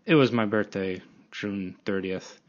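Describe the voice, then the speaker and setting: A man's voice: on the low side, measured pace, muffled recording. A man in his late twenties hosting a solo podcast, rambling casually and self-deprecatingly with frequent restarts. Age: 20s. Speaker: podcast host.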